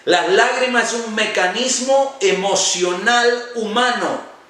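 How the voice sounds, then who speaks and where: A pastor delivers an emphatic sermon, leaning hard on key words and drawing them out. His voice sits unusually high for a man. He is heard from a distance in a very echoey space. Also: a bit bright. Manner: emphatic preaching, drawn-out stressed words. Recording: very echoey, from far off.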